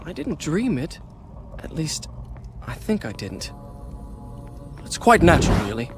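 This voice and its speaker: A man's voice: on the high side, very animated, a little slow. An actor playing a proud young prince in a video game, wry and sarcastic as he talks to himself and narrates his adventure. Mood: musing, self-persuading. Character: proud, boastful young prince, sardonic and self-doubting adventurer. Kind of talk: dramatic game dialogue and musing narration. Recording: game music behind the voice.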